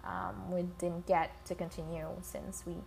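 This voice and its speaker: Female podcast host, slow and fry-heavy, informal chat, phone-recorded with faint scratching behind. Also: lowish voice, flat delivery, a little mellow, slight background noise. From Philippines. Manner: informal, swearing, addresses listeners as guys. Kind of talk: casual solo podcast intro. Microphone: iPhone.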